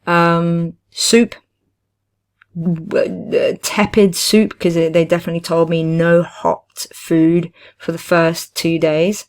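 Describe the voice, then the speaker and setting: A woman chatting casually and giving personal advice, in a hesitant, halting way with frequent self-corrections. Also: fairly low pitch, level tone. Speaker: vlogger, teaching assistant.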